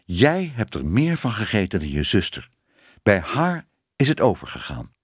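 A man's voice: fairly low pitch, huge pitch swings, normal speed, husky, dry recording, studio quality, heavily acted. A man voicing a stern, disapproving old female cat who scolds and bosses her niece. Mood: bossy.

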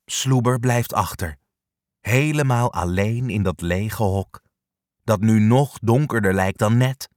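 A man reading a children's story aloud with an expressive, animated manner. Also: lowish voice, slow, no echo, clean studio sound.

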